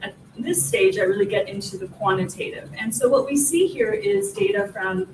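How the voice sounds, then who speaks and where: An assistant professor in her forties, born in Peru and raised in the US, presents her research earnestly, explaining and building her points step by step. Her slightly high voice carries vocal fry at a normal speed. The distant mic in a roomy conference hall picks up steady background noise beneath her.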